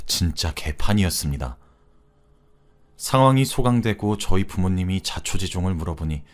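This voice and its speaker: Low-voiced man narrating a story. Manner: calm first-person storytelling.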